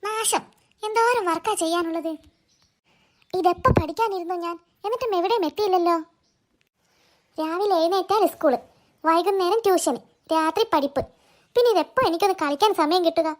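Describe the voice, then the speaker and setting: A woman's voice: very high-pitched, fairly quick, long pauses. A woman voicing a schoolgirl who mutters and grumbles about homework in a cartoon. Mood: grumbling. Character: weary schoolgirl tired of studying.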